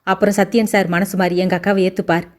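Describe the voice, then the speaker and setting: A woman's voice: mid-range voice, level tone, fast talker, natural voice. Woman voicing a nervous, earnest young man. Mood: eager. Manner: nervous, pleading, polite. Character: earnest young man pleading for his sister. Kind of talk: audiobook character voice.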